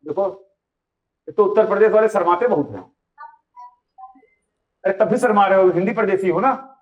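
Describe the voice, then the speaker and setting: A man's voice: sits high, normal speed. A male teacher giving a classroom lecture, quizzing his live students with repeated questions. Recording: dull lo-fi sound.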